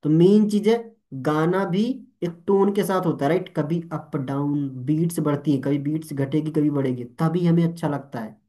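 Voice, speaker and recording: A man's voice: fairly high pitch, moderate pace. A young man training network marketers, speaking Hindi mixed with English and often checking if everyone is following. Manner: animated, keeps asking "ठीक है?" and "All clear?"; mixes Hindi with English words. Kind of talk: motivational training talk.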